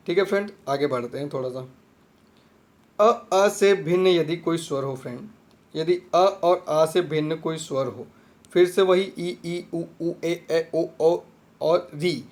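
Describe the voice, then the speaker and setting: Male tutor with a high voice, patient and repetitive, explaining grammar for exam prep. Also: darkish tone. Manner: repetitive, checks understanding with "theek hai friend". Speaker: teacher.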